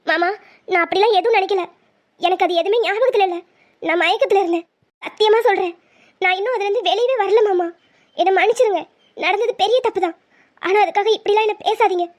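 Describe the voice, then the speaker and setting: A woman's voice: very high voice, animated, quick pace, a little mellow. Woman voicing a defiant wronged young woman. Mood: pleading. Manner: pleading then defiant, emotional.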